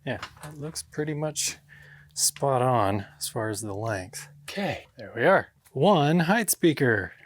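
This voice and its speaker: A man narrates a casual hands-on vlog as a home theater DIY vlogger, thinking aloud and muttering short exclamations to himself in an indoor home theater room with a drop ceiling. His mid-range voice moves slowly with lively intonation.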